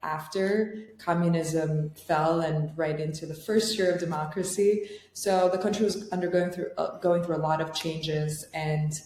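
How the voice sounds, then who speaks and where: A woman's voice: low voice, steady tone, moderate pace, few pauses, darkish tone. A young woman from Albania, a founder, talking thoughtfully in a podcast interview with many fillers and restarts. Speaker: guest, startup founder.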